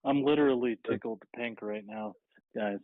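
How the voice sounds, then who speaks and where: Cheerful guy, higher voice with gravel, tinny call. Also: wildly swooping pitch, normal speed, dry recording. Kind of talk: casual chat.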